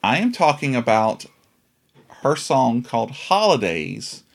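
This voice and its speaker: Animated male podcast host. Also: mid-range voice, measured pace. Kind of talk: casual podcast chat.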